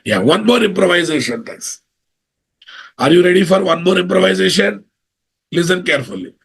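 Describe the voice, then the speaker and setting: Gravelly Indian man with Telugu accent, teaching. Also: sits high, expressive, normal speed, a bit bright. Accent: Telugu Indian English. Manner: repeats phrases, checks understanding with questions. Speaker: software instructor. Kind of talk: live online class, informal teaching.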